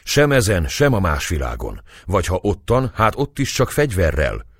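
A man voicing a hot-tempered old nobleman who shouts and rages in a storybook reading. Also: low-pitched, huge pitch swings, slightly rough, dry recording, voice pushed up, exaggerated voice. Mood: furious. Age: older. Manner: shouting, bitter, blustering.

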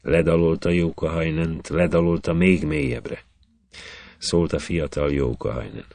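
A man reading an epic poem aloud in measured, rhythmic verse. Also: extremely low pitch, steady tone, vocal fry, darkish tone, dry recording. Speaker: reader.

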